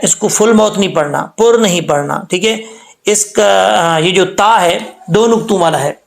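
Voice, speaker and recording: A man with a notably high voice leads a recitation lesson, speaking with a lilt. He goes over each rule again and again in a patient, teacherly way. When he demonstrates a sound, he stretches it out slowly. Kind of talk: tajweed lesson.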